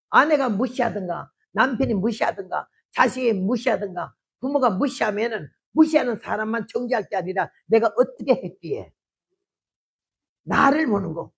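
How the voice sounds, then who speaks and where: A woman in her eighties, a missionary preacher, giving a testimony sermon and telling stories that swing from hushed to shouting. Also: a little high, creaky, slightly rough. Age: 80s.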